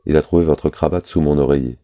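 A man's voice: rumbling low, quick pace, mellow. A man reading aloud the lines of a jealous, capricious young woman, voicing her with little change from his own voice.

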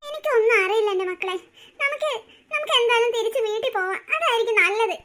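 A woman voicing a gentle coaxing cartoon mom. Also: very high-pitched, fast. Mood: soothing. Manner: soothing, coaxing. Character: gentle patient young mother. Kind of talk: cartoon voice acting.

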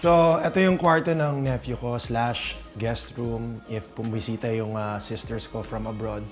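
A Filipino man in his forties, speaking English with a Filipino accent, gives a casual, chatty tour of a large modern house, indoors and up on a roof deck, laughing often. A handheld camera follows him, his medium-pitched voice is fairly even at normal speed, and music plays in the background.

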